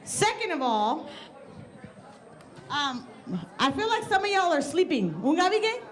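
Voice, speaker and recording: A high-voiced woman emcee who is slightly out of breath swings her pitch all over as she jokes with the crowd. She speaks into a handheld mic on a festival stage, rallying the audience to cheer. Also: big pitch swings, measured pace, a little hiss or hum. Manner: playful, joking, rallying the audience. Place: stage at a temple festival program.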